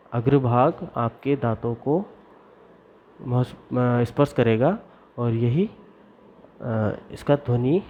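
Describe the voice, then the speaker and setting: A man teaching Sanskrit grammar, reciting the formulas slowly and deliberately and explaining where each sound is made in the mouth. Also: mid-range voice, mellow, a little hiss or hum. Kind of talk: classroom lesson. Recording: dull lo-fi recording.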